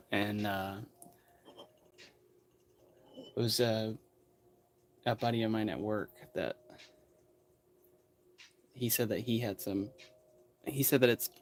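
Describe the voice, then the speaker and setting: A man hosting a casual tea livestream, rambling and hesitant with frequent chuckles. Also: lowish voice. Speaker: livestream host. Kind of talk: casual live-stream chat.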